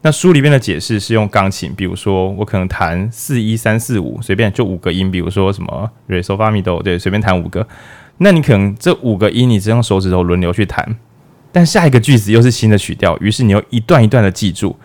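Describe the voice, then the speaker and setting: A man's voice: on the low side, animated, quick pace, a little mellow. A man hosting a podcast, explaining things in a casual, playful way with jokes and acted-out asides. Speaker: podcast host.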